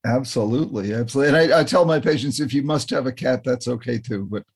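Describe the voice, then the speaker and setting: A man's voice: mid-range voice, fast talker, vocal fry, slightly rough. Guy psychiatrist hosting, lots of yeah and mm-hmm, praises the guest. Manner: warm, affirming, frequent agreement. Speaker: interview host and psychiatrist. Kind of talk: conversational interview.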